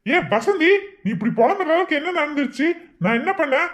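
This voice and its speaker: A man's voice: very high-pitched, lively intonation, a little fast, fairly bright tone. A man playing an exasperated husband who scolds his wife impatiently in a comedy skit. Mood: scolding. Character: exasperated husband, stern and embarrassed. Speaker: comic actor in a skit.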